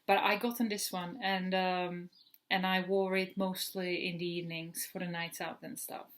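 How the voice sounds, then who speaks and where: In her perfume review vlog, a thirty-something woman from the Czech Republic talks at a normal speed in a fairly low voice with little pitch movement. Her casual delivery wanders, packed with fillers and false starts.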